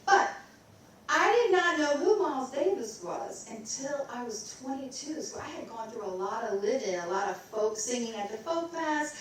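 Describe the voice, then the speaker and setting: A woman's voice: high-pitched, expressive, normal speed, slight background noise. A middle-aged woman from Maryland, a vocalist, telling her story in a rambling way and scatting bits of tunes. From Maryland, USA. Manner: rambling, scats and sings snippets. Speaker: guest vocalist. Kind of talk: casual onstage interview. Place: recital hall. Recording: roomy hall, distant mic.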